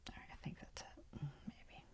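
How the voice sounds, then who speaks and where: A woman whispering softly as she paints, thinking aloud about colors and brushstrokes. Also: normal speed.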